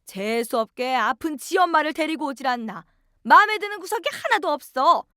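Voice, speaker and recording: A woman's voice: high voice, expressive, moderate pace, pushed and bright, no echo, studio quality, voice pushed up. A woman voicing a scornful, nagging middle-aged mother-in-law who sneers and scolds.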